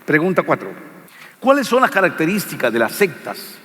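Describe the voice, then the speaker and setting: Male preacher, fairly high and sharp-toned, hammering repeated lines in a reverberant hall. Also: big pitch swings, normal speed, slight background noise. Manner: emphatic, repetitive, addresses listener as friend. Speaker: evangelical preacher teaching a Bible lesson. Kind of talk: preaching Bible lesson.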